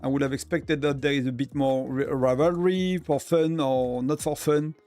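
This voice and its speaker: A man's voice: mid-range voice, fairly even intonation, normal speed, a little mellow, faint music behind. A man with a French accent, whose first language is French, chatting casually on a live game stream, rambling with many fillers and restarts. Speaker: gaming streamer.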